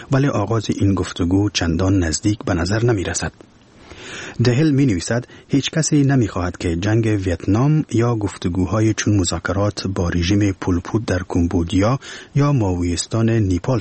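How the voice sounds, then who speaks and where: A man with an Afghan Dari accent reads a radio press review in a measured, formal manner. His voice sits very low and has a husky grain. The studio sound is dry and close. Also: a little mellow, no room sound. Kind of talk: scripted news reading. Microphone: studio microphone.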